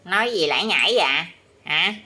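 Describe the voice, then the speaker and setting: A woman with a Southern Vietnamese accent chats casually with her pet parrot, teasing it and firing the same questions at it again and again. Her voice is on the low side, animated and fairly quick, with a bright, forceful tone and a faint hiss or hum.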